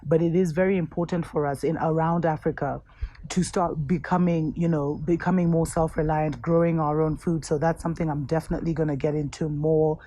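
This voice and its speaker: A woman hosting her own show, giving earnest, unhurried spiritual encouragement to viewers with soft asides. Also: sits low, steady tone, a little hiss or hum. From Kenya. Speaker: host.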